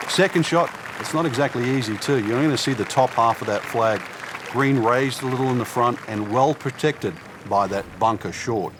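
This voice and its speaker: A man's voice: medium pitch, normal speed, close to an everyday voice. A man playing a golf commentator, giving conversational expert analysis of the shots. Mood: assured, explanatory. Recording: very loud crowd and outdoor noise. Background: loud outdoor crowd ambience.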